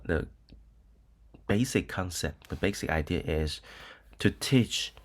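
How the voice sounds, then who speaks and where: Slow and deep-voiced, a male lecturer from Taiwan presents a recorded university lecture alongside a screen demo. He hesitates often, filling gaps with ums and uhs and repeatedly asking "okay?"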